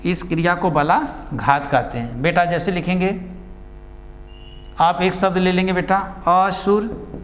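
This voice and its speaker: A man with a high voice teaches a class, repeating phrases so students can write them down. He speaks slowly and deliberately. The recording has a long reverb tail and a faint hum underneath. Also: steady tone. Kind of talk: classroom lesson, dictating notes.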